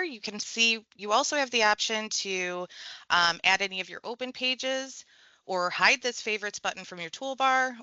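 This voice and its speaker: This woman, a tech trainer, guides the viewer click by click through a screen-share software tutorial in a relaxed, chatty way. Her voice is bright and forceful at a medium pitch. The audio sounds dry and slightly dull, with no room sound.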